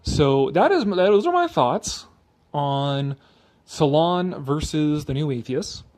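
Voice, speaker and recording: A slightly high, sing-song voice with a darkish tone carries this man's slow, sarcastic video commentary. He's a little tipsy, exasperated, emphatic, and freely profane.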